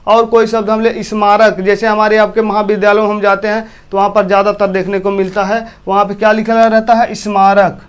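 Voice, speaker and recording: A man's voice: high-pitched, flat delivery, a little fast, few pauses, clear, resonant tone. A man teaching a class with a Hindi accent from eastern Uttar Pradesh, often repeating himself and asking his students questions. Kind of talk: classroom lesson.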